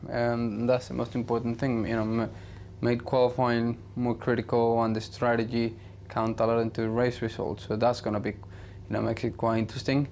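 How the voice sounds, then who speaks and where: Flat-voiced racing driver, casual interview. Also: male voice, mid-range voice, normal speed, a little hiss or hum. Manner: casual, lots of "you know". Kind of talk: interview answers.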